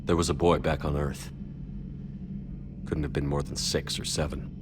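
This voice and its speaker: A military commander in a video game. His voice is deep, firm and plain-spoken, steady and resolute. Clear background noise runs underneath. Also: normal speed. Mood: grave, resolute. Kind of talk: video game character dialogue. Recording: clear rumbling noise behind game dialogue.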